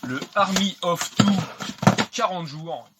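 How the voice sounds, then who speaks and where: A man's voice: high voice, takes it slowly, noisy background. A man casually talking through an unboxing of video games, chatty and hesitant with many fillers. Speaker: video game collector vlogger.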